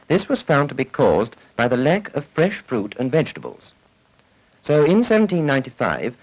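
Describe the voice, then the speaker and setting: In the manner of a 1940s educational film, a British-accented man delivers formal, scripted, instructive narration for a public information film. His voice is mid-range, carried on a vintage soundtrack with low recording quality.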